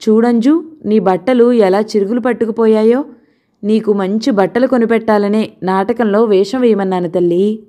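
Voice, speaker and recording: Woman as coaxing working father, mellow tone, persuasive. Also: medium pitch, fairly even intonation, moderate pace, natural voice. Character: poor grown-up son, coaxing father and stage actor.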